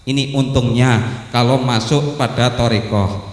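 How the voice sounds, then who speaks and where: A man with a Javanese Indonesian accent preaching a sermon, telling a story and acting out its voices with big jumps in pitch. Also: steady tone, measured pace. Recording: echoey hall, heavy reverb.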